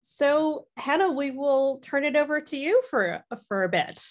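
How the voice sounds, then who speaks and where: A woman's voice: sits high, animated, a little slow. A woman co-host introduces a guest on a video call, enthusiastic and full of praise. Her voice sits in a middle range and her delivery is easy and casual. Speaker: event co-host.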